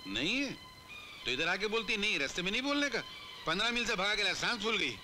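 A man's voice: high voice, very animated, fast, sharp tone, slight background noise, exaggerated voice. An actor playing a bumbling male detective who keeps losing his memory and begging, in an old Hindi film comedy. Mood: indignant. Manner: whining beggar's pleading, then brash bickering. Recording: old film soundtrack with music behind.

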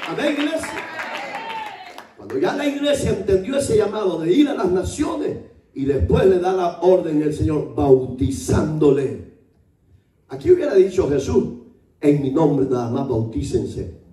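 A male pastor preaching a sermon to his church, animated and joking as he tells stories. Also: sits high, unhurried, echoey room, far from the mic, a faint crowd. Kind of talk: Pentecostal sermon. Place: church hall.

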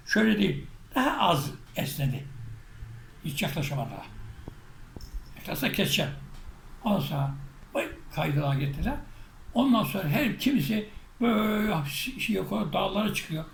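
Creaky, high-pitched man telling a story. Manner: animated storytelling, acting out shouts and quotes. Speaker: spiritual teacher. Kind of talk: recounting a personal story. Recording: echoey room with faint noise.

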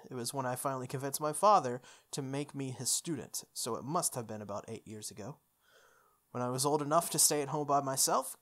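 With a medium-pitched, slightly bright voice, a playthrough host reads visual novel text aloud playfully. Game music plays behind as they toss in casual, informal comments about the script.

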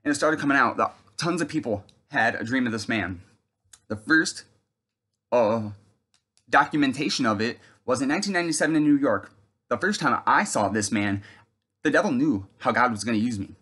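A man's voice: mid-range voice, expressive, a little fast, husky. Earnest rambling man giving testimony. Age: 30s. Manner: earnest, rambling, with fillers and restarts; breaks off to shout at someone off camera. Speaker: video testifier. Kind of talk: religious testimony monologue.

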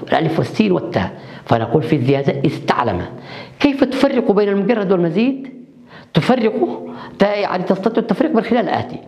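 A male university lecturer with a high, gravelly voice gives a recorded online lecture, working through things step by step and answering his own questions for the class. The room is echoey and the sound dull and lo-fi.

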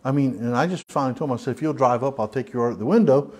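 A man with a Southern US accent leads an informal church Bible study. His voice sits at an ordinary middle pitch, and he talks in a folksy, rambling way, circling back with restarts and fillers. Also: racing, darkish tone. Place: church hall.

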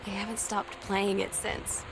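An actress voicing a thoughtful teenage girl in a game, reading her journal softly and confidingly over music. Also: mid-range voice, level tone, a little slow, vocal fry, rough recording. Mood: wistful.

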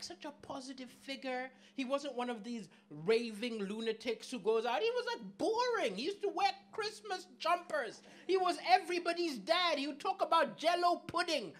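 Doing crowd work during his set at a small comedy club, a middle-aged man from southern Africa chats animatedly and questions the audience into his handheld mic, using a very high-pitched voice.

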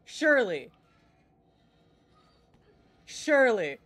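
A woman's voice: a little high, very animated, very slow, fairly bright tone, soft background music. A young woman streaming a game, swearing often and bantering in exasperation with her chat. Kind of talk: casual gameplay streaming.

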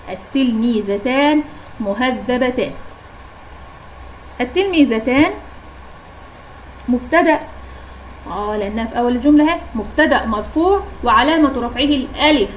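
An Egyptian woman teaching a primary school Arabic grammar lesson, asking questions and answering them herself, repeating each example slowly. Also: on the high side, slight background noise, rough recording.

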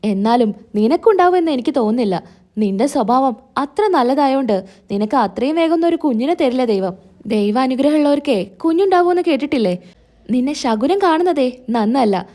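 A woman's voice: high-pitched, lively intonation, fairly quick, mellow. A woman voicing a domineering older mother-in-law who speaks in a harsh, cutting, commanding way in a retold serial story. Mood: scornful.

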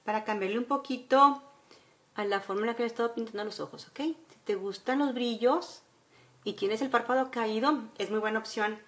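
Indoors by a window at home, a Mexican-accented woman in her forties walks viewers through a relaxed makeup routine. She speaks fairly quickly in a slightly high, bright voice, giving chatty instructions with frequent checking tags.

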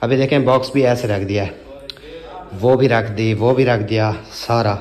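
A man's voice: mid-range voice, steady tone, moderate pace, darkish tone. A man with a Pakistani accent vlogging from a village home, giving joking, bossy instructions to helpers as they move things. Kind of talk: casual vlog narration while directing helpers. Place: village house, indoors and outdoors.

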